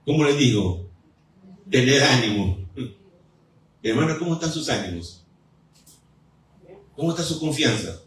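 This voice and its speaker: A man preaching a fervent sermon as pastor, with pauses and repeated appeals to the congregation. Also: mid-range voice, a little hiss or hum. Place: church sanctuary. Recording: echoey church hall, mic at a distance.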